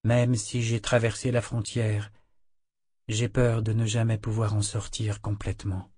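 A man's voice: on the low side, flat delivery, unhurried, husky, no room sound. A man voicing a haunted, trembling young woman. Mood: grave. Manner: soft, trembling, breaking into whispers.

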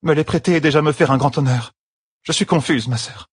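A man's voice: a little high, a little fast, husky, no echo, studio quality, voice pushed up. A man reading an audiobook, voicing a dignified young warrior woman with a formal, ceremonious way of speaking. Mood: solemn.

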